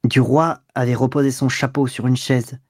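A male audiobook narrator telling a literary story in a measured, steady way. The voice sits close and dry, with no room echo. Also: mid-range voice, slightly rough.

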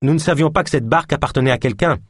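A man's voice: medium pitch, takes it slowly, dry recording, studio quality, pitched above the performer's own voice, lightly acted. A man voicing a polite, earnest young healer who turns urgent in an audiobook. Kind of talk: audiobook character voice.

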